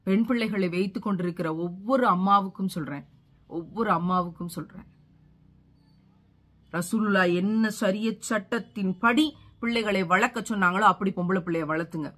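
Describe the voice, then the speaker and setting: A woman's voice: mid-range voice, normal speed, a bit bright. Middle-aged woman preacher, mid-range voice, fervent and imploring, hammers repeated lines. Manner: pleading, rising to fervent emphasis; repeats phrases for rhetorical force. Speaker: religious speaker. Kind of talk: impassioned sermon.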